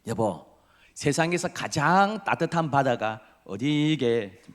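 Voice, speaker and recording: A man's voice: mid-range voice, lively intonation, slow pace. A man voicing a playful middle-aged woman, a church deaconess coaxing her husband with a riddle.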